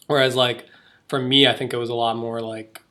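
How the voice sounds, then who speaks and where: A young American co-host on a podcast talks fairly quickly in a mid-range voice that moves little in pitch yet sounds bright and forceful. It's casual chat, with lots of fillers and many restarts.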